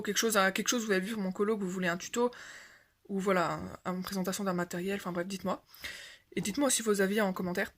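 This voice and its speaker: A young woman chatting casually about her finished coloring pages, rambling and correcting herself with lots of fillers. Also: medium pitch. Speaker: coloring video creator. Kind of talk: casual show-and-tell chat.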